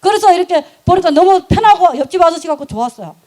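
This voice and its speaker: Fast, animated high-voiced woman. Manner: animated, emphatic, laughs often. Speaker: business speaker sharing her story. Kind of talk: lively storytelling talk.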